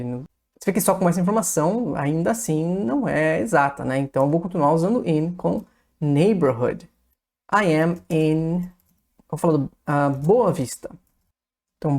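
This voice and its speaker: A woman with a low, steady voice and a Brazilian accent teaches English grammar in a video lesson. She explains patiently and step by step. She often checks in with short tag questions. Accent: Brazilian Portuguese.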